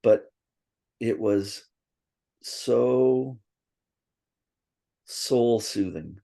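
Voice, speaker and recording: A man with a gravelly, mellow, mid-range voice draws out his words while reminiscing in an interview. His talk is casual and rambling, full of restarts and tangents; he grew up with Swedish as his first language, was born in Princeton, and was partly raised in Tokyo.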